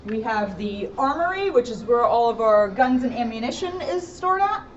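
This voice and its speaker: Talking at a moderate pace in a slightly high, very animated voice, a female officer leads viewers on a casual tour of a police station's rooms and corridors. Her explanations are simple and directed at the audience. A far-off camera microphone leaves the indoor audio muffled, echoey and noisy.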